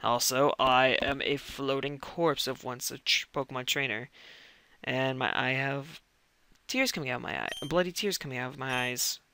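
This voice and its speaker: A young man commenting on a game as he plays, reacting out loud and talking to himself, his voice cracking now and then. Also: medium pitch, normal speed, vocal fry, clean tone. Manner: reacts loudly and talks to himself while playing. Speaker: let's play gamer. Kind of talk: gameplay commentary.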